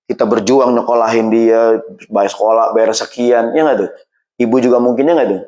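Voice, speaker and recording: A man preaching a casual sermon in a mosque. He talks in lively slang and jumps high in pitch when he quotes other people. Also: moderate pace, rough recording.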